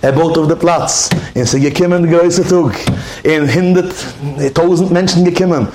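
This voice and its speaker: A man telling a story in a lively way, acting out roars and shouts and mixing English words into his speech. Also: on the high side, moderate pace, echoey room, a little hiss or hum. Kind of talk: animated storytelling.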